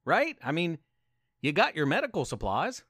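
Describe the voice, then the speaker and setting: A man's voice: fairly high pitch, wildly swooping pitch, normal speed, a bit bright, no room sound, clean studio sound, full character voice. A man voicing a hapless, wisecracking male space pilot in a told story, flippant and joking. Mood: cheeky.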